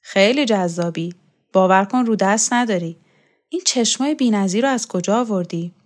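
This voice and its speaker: A woman reading the lines of a teasing, flattering man in a storybook reading. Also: high-pitched, lightly acted.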